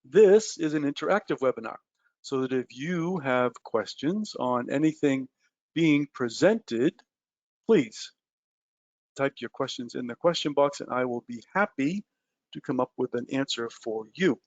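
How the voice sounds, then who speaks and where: A man's voice: mid-range voice, animated, unhurried, no echo. A man leads a live trading webinar, speaking straight to his listeners with plenty of "uh" and "um" as he goes. His voice sits in a middling register. The audio is dry and a little muffled, like a basic webinar feed. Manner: conversational, many "uh" and "um" fillers, addresses listeners directly. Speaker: webinar presenter.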